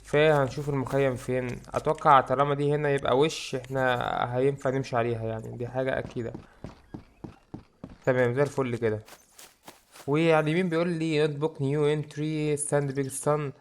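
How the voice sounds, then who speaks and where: A young man with an Egyptian Arabic accent, giving excitable let's-play commentary and joking about how scared he is. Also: mid-range voice, fast talker, a little hiss or hum. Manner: excitable, jokes about his own fear. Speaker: gaming YouTuber.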